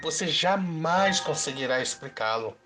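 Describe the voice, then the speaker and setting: A woman giving scripted documentary narration in a solemn, measured way. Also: sits low, animated. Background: music.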